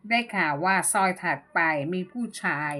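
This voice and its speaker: A woman's voice: fairly low pitch, pushed and bright. Woman telling a ghost story. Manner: measured, unhurried reading.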